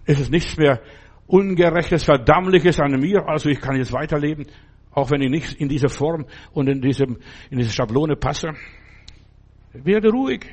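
A man's voice: a little high, moderate pace, a little mellow, breathy edge. A middle-aged man preaching a sermon in a fervent, colloquial way, often checking in with his listeners. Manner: fervent, colloquial, keeps asking "verstehst du?".

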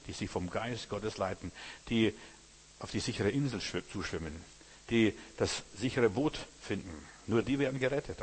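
A man's voice: lowish voice, a little hiss or hum. A man preaching a sermon in earnest German-language style, addressing his listeners directly as brothers and sisters.

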